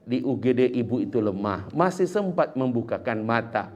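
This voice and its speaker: A male preacher giving an impassioned sermon, often rising to a shout. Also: mid-range voice, expressive, normal speed, dull audio.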